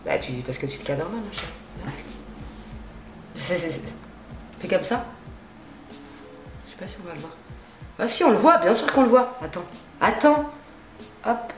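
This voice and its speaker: A woman's voice: on the low side, animated, unhurried, long pauses, music in the background. Slangy, chatty woman in an echoey room. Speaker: beauty vlogger. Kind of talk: casual makeup tutorial chat. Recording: roomy echo.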